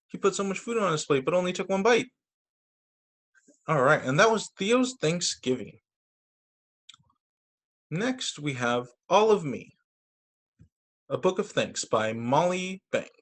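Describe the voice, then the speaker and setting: Over a video call, a male story time teacher reads children's picture books aloud, expressive and sing-song, with short asides. He has a high-pitched voice, takes it slowly, and pauses often.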